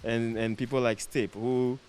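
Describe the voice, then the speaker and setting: A man's voice: medium pitch, steady tone, a little slow, darkish tone. A man with a Ghanaian accent talking casually as an interview guest, repeating phrases for emphasis. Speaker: interview guest, production set designer. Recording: clear background noise with hiss.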